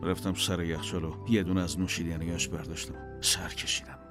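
An actor voicing a man in a dubbed drama, recounting in a flat, subdued way. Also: low voice, music in the background, natural voice. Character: man recalling his father's betrayal.

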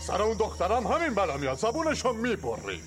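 A cruel cartel gunman with a high, animated voice making cold threats. Film music sits under him. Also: exaggerated voice. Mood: menacing. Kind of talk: dubbed film dialogue.

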